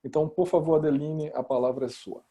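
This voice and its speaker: A man's voice: a little high, steady tone, fast talker, mellow. A man coordinating a course, explaining earnestly over a video call and checking in with listeners. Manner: earnest, repeats for emphasis. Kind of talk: explaining in an online meeting.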